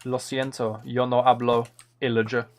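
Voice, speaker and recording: With a medium-pitched voice, flat delivery and moderate pace, a man who is both livestreamer and author rambles playfully on a gaming livestream, attempting game sound impressions. Faint noise and the clicks of a computer keyboard can be heard.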